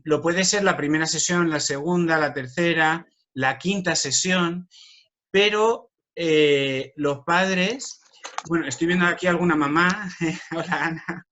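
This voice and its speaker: A man's voice: fairly high pitch, a bit bright. A man presenting an online workshop, speaking with passion and strong emphasis.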